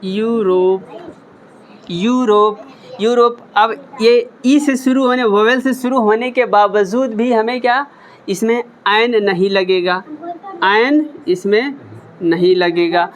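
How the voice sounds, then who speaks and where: A man's voice: high voice, slow. A man teaching English at a whiteboard, repeating each word and asking then answering his own questions. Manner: patient, encouraging learners. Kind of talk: whiteboard lesson explanation.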